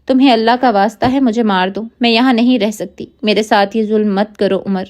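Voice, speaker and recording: A woman's voice: mid-range voice, steady tone, a little mellow, close to an everyday voice. A woman reading the lines of a desperate imprisoned woman begging to be released. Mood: pleading.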